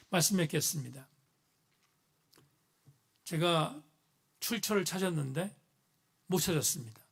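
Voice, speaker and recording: Korean pastor guy w a high voice, preaching hard, phrases swell up loud then drop. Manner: earnest preaching with rising emphatic phrases. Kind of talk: sermon. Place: church.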